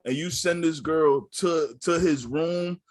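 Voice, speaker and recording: A young man co-hosting a podcast, talking in a heated, profane, animated way, acting out quotes as he argues. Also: on the high side, takes it slowly. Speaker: podcast co-host. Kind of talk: casual podcast chat.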